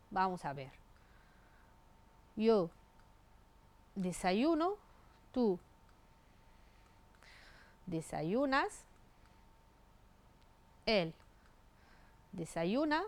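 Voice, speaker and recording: A woman's voice: mid-range voice, sing-song, extremely slow, pauses often, a little mellow. A woman teaching Spanish grammar, reading out verb forms one by one and spelling out the endings. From Tunisia. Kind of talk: grammar lesson.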